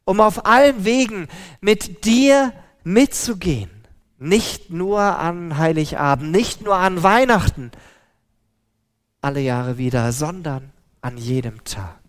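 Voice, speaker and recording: A man preaching a sermon, slow and deliberate with emphatic pauses. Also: high-pitched.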